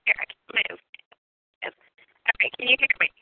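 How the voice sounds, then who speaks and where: A woman's voice: fairly high pitch, lively intonation, moderate pace, slightly rough, no room sound. A woman on a conference call through her home phone, and the line keeps breaking up. She apologizes as she moves around with the phone. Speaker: team coach on a conference call. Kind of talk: casual conference call update. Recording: tinny, dry, choppy home phone line.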